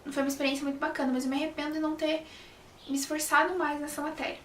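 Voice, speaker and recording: A high-voiced young woman who studies journalism chats to camera at a rapid-fire pace, her tone level throughout. Chatty and casual, she frequently restarts sentences and leans on "sabe?". Expect a little hiss or hum, some room echo, and a mic placed a bit far off.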